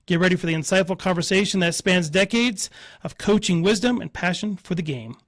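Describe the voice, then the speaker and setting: Male radio host, higher pitch; upbeat, affirming interviewer. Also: brisk. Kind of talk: interview hosting.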